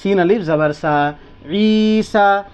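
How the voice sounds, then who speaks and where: A man teaching Quran reading step by step, asking questions and repeating each word slowly for the listener. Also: high voice, dull audio, slight background noise. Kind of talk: step-by-step lesson with call-and-response questions.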